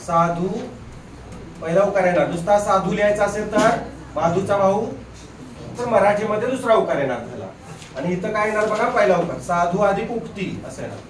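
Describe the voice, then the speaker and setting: A man's voice: sits high, lively intonation, normal speed, distant mic, noisy background. A man teaching a grammar lesson in a classroom, drilling students with repeated questions and teasing them now and then. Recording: echoey room, voice off-mic.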